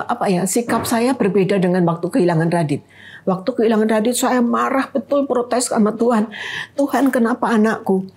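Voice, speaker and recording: A woman in her fifties, a grandmother, speaking in Indonesian, tells of losing her sons, halting and pausing as she recounts. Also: mid-range voice, darkish tone, breathy edge. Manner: halting, with pauses and restarts. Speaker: guest. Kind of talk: emotional personal testimony.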